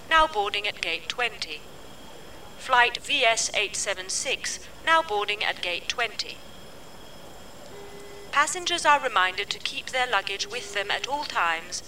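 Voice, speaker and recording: A woman reading a scripted airport flight announcement in a formal, measured way, repeating each notice. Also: mid-range voice, lively intonation. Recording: distant mic with faint background noise.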